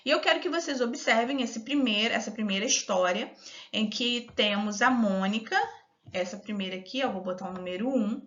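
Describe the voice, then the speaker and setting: A woman's voice: fairly high pitch, fairly bright tone. Patient Brazilian woman teaching young children. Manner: patient, spells out syllables slowly and clearly. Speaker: primary school teacher. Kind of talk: recorded lesson for young children. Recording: dull lo-fi audio.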